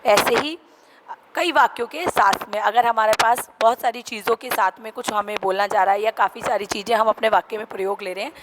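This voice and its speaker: A woman teacher with a slightly high voice takes her pupils through a grammar lesson, repeating each example and checking whether they follow. Steady background noise sits under her voice. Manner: explains slowly, repeats examples, asks students questions. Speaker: school teacher. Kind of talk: online class lesson.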